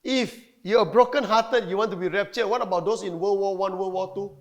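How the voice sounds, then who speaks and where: A man preaching a sermon in short, broken English phrases, pausing for an interpreter and sometimes acting out voices. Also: high voice.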